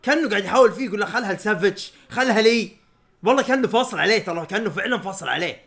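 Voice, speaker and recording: Saudi male fan-streamer, excitable reaction commentary, high and lively, rapid delivery. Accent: Saudi Arabic. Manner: excitable, shouts at players and referee, frequent laughter. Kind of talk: live match reaction commentary.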